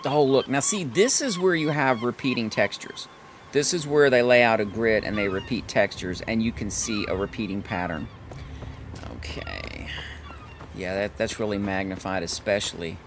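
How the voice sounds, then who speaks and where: A hoarse man casually commenting on his gameplay as a let's play host, thinking aloud and correcting himself. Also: lowish voice, moderate pace, slight background noise.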